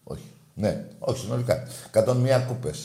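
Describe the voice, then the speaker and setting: A man co-hosting a fan talk show, teasing rivals with loud mock despair and muttered asides. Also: fairly low pitch, lively intonation, roomy sound. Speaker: sports radio co-host.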